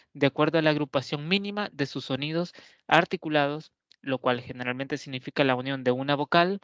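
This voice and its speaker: A man's voice: on the high side, fairly bright tone, no room sound. A man giving a pre-recorded lecture as a teacher, explaining step by step and often checking in with his students. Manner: measured, explanatory, frequent "¿verdad?" check-ins. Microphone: laptop or webcam mic, camera switched off. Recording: dry, dull lo-fi recording.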